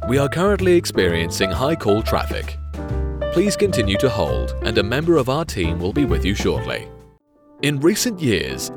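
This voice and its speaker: A man reading scripted voice-over in a measured, clearly articulated announcer's manner, recorded close on a studio microphone. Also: on the low side. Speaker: voice-over narrator. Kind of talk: scripted narration, voice-over demo reel.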